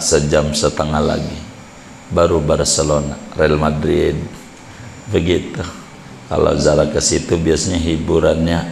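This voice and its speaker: A man's voice: a bass voice, creaky, a little mellow, a little hiss or hum. A man preaching in a chatty, joking way, drawing out words and explaining with asides. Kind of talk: casual religious lecture. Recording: echoey hall with faint ambience.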